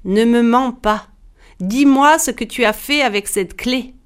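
A woman's voice: fairly high pitch, unhurried, clear, resonant tone, close to an everyday voice. A woman voicing Bluebeard, a cruel, menacing nobleman who demands answers from his wife. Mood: furious. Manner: threatening, demanding.

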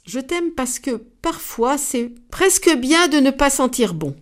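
A woman's voice: sits high, sing-song, unhurried, voice pushed up. Brief: tender soothing dove, storybook, read by a woman. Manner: soft, kind and soothing. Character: gentle loving female dove.

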